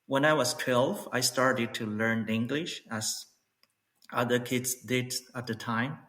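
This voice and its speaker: A man in his forties from Taiwan, a native Mandarin speaker, chatting as a podcast guest in a relaxed way with many fillers. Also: mid-range voice, slow pace. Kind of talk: casual interview chat. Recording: echoey room.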